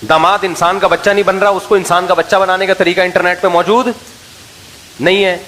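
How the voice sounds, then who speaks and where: A man with a somewhat high voice delivers a relaxed religious talk. He chats, jokes and asks his listeners questions. A faint hiss runs under the recording. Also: rough recording. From Pakistan. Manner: conversational, jokey, quizzes the listeners. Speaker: Islamic preacher. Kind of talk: informal sermon to an audience.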